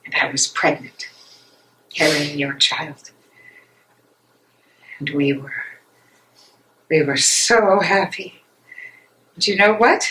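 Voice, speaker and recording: In a dramatic stage reading held live in a library meeting room, a woman plays the emotional young German fiancée of an imprisoned dissident. Her low voice moves slowly with long pauses, shifting from accusing to tender with a wistful mood. The recording is echoey and noisy with clicks.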